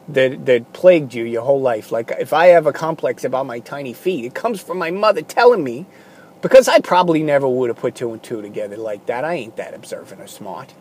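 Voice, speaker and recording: A man delivering a rambling, self-deprecating comic monologue, jumping between loud bits and low mumbled asides.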